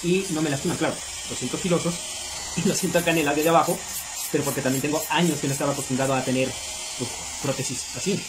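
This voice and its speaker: A man's voice: fairly high pitch, fairly even intonation, quick pace. A middle-aged man, hosting a video and explaining things casually to viewers. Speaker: video host. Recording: clear background noise.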